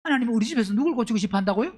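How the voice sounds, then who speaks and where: A man preaching a Sunday sermon as pastor, firing questions at the congregation and swinging between loud emphatic bursts and low asides. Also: expressive, very fast, breathy edge. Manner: fires rhetorical questions at the congregation.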